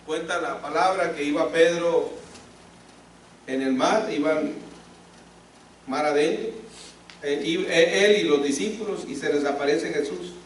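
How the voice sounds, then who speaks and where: A man delivers an emphatic sermon in a fairly high voice, firing off rhetorical questions at the congregation. He sounds set back from the microphone, and his voice rings through a very echoey church hall over a faint room hum. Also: a little slow, pauses often. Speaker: pastor. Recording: echoey hall, speaker far from mic.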